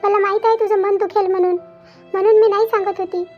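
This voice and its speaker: A woman's voice: very high-pitched, little pitch movement. Woman voicing a hesitant young cartoon daughter. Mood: tearful. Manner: hesitant, pleading, halting restarts. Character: young married daughter, troubled and tearful. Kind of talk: Marathi cartoon voice acting. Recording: dull lo-fi with faint background music.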